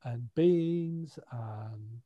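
A man's voice: medium pitch, extremely slow, husky, highs cut off. A man with a British accent chatting casually, dry and matter-of-fact, often trailing off mid-sentence. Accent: British English. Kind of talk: casual chat.

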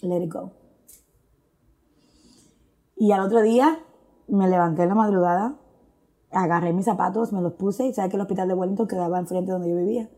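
A woman giving her faith testimony blends English phrases into her Spanish, speaking earnestly and reflectively with frequent fillers. Her dark, medium-pitched voice keeps a normal speed but falls into long pauses.

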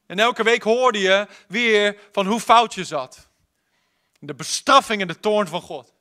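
A man preaching a sermon at a church service, impassioned and moving between loud declarations and hushed, intimate lines. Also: high-pitched, unhurried. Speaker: pastor.

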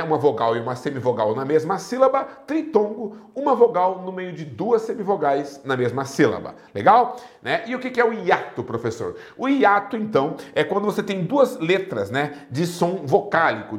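A man teaching a grammar lesson, explaining step by step and checking in with his students every few sentences. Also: on the high side. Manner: lively, checks in often with the class. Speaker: Portuguese teacher.

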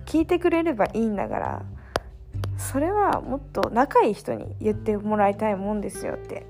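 A woman's voice: medium pitch, gravelly, a little mellow. A young woman talking in a casual late-night monologue, chatty and ranting, poking fun at herself. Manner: chatty, ranting, self-mocking. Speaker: vlogger.

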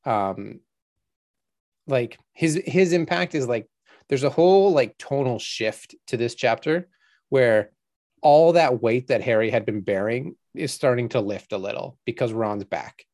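A man's voice: medium pitch, measured pace, darkish tone. A man co-hosting a podcast, chatting casually through a book chapter with lots of "like" and "um". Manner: chatty, filler-heavy recap. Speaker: podcast co-host.

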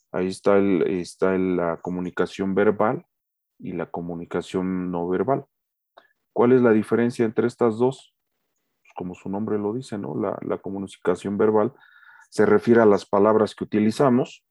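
A middle-aged man teaching a casual lesson, often pausing with fillers and restarts and checking that listeners agree. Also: deep voice, dark tone, no echo. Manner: talks with many fillers and restarts, asks for agreement. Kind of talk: casual lecture.

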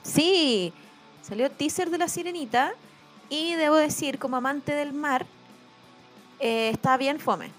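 A woman's voice: high-pitched, unhurried, long pauses, faint music behind. A young woman with a Chilean accent co-hosting a podcast in slangy casual talk. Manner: slangy, chatty. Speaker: podcast co-host. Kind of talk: casual chat.

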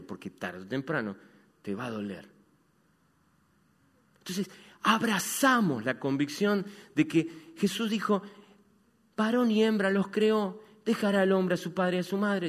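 Animated preaching man, Rioplatense accent. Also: fairly high pitch, in a large hall. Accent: Rioplatense Spanish. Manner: animated preaching, swings between loud and hushed. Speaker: pastor. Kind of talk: sermon.

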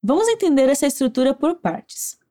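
A woman with a Brazilian Portuguese accent teaching Spanish, giving clear, encouraging instructions and modeling phrases slowly for the listener to repeat. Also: high-pitched, very animated, mellow. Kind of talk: language lesson narration with repeat drills.

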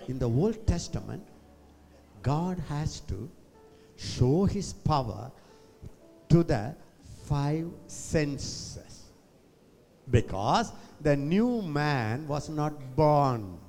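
In a reverberant hall with music behind him, a man preaches in a South Indian accent. His delivery is slow and theatrical, full of repeated phrases and vocal sound effects. He addresses the congregation directly as he gives his sermon. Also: fairly high pitch, sing-song, dark tone.

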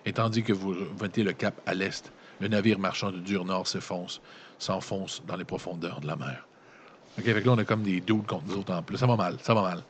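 A man's voice: sits low, moderate pace, a little hiss or hum. A man with a Quebec French accent reading a gamebook aloud and breaking off into casual, slangy joking asides. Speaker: gamebook reader and player.

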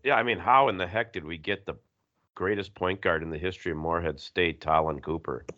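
A middle-aged man co-hosting a sports radio chat, hoarse from being sick, rambling and joking. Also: low voice, fairly quick. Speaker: co-host. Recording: muffled lo-fi audio.

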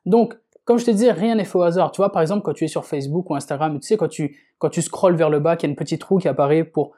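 Mellow-voiced casual podcast host. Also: medium pitch. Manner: informal, talks directly to the listener, repeats words for emphasis. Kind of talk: casual self-help podcast monologue.

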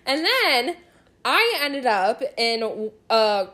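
A woman's voice: on the high side, extremely slow. A young adult woman co-hosting a podcast, telling a story in casual chat and acting out the voices of the people in it. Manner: animated, acts out voices in stories. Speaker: podcast co-host.

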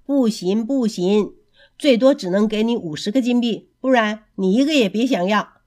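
A woman's voice: a little high, moderate pace, darkish tone, natural voice. A woman voicing a greedy, boastful male mayor in a storybook, smug and scornful.

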